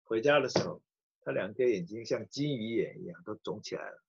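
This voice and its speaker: A middle-aged man preaches through a personal story, his husky voice rising and falling with lively pitch. The recording is dull and lo-fi. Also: brisk. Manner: animated storyteller acting out quoted voices. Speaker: pastor. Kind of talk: sermon storytelling.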